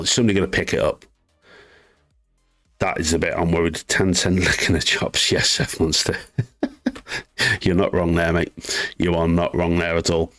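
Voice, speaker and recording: A man's voice: low-pitched, a bit bright. A man hosting a live gaming news stream, chatting casually, rambling off on asides and answering viewers in chat. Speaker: gaming news livestream host.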